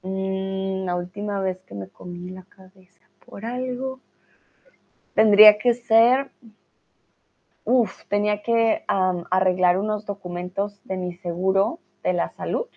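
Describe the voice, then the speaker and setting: A woman teaching a live-stream Spanish lesson, reading viewers' comments aloud and answering each one with encouragement. She talks slowly and patiently in a mid-range voice, and the stream audio sounds dull and lo-fi. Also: medium pitch, steady tone.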